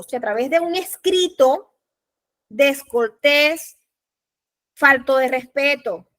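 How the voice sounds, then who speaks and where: A woman law lecturer with a Panamanian Spanish accent teaches a recorded class. Her voice sits high and bright. She speaks slowly and deliberately, going back over each point. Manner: slow, deliberate, repeats key points.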